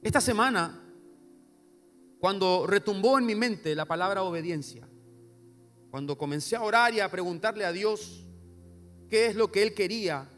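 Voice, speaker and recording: Emphatic pastor with a lilt. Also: male voice. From Paraguay. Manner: swings between soft low asides and loud emphatic repetition. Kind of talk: sermon. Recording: long hall reverb with faint music.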